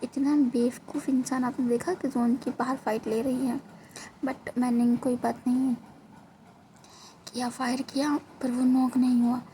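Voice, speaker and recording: A woman's voice: high-pitched, flat delivery, unhurried, mellow, a little hiss or hum, low-quality recording. A woman giving casual, self-mocking voice-over commentary on her own gameplay, recorded on a phone. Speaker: gaming creator.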